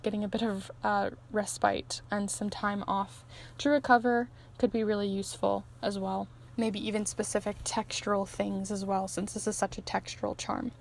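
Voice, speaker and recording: Hoarse, gravelly-voiced woman reading tarot. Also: mid-range voice. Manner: easygoing, chatty, soft laughs between phrases. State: losing her voice. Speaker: tarot reader and channel host. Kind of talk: pick-a-card tarot reading to camera.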